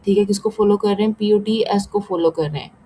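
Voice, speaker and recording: Woman, tutor, mellow voice, checks in often, reads English slowly, faint background hiss. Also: medium pitch, poor audio. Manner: slows right down when reading English text aloud, explains again in Hindi-Urdu; frequent fillers and "theek hai" check-ins. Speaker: tutor explaining an assignment solution. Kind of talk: casual lesson mixing Hindi-Urdu and English.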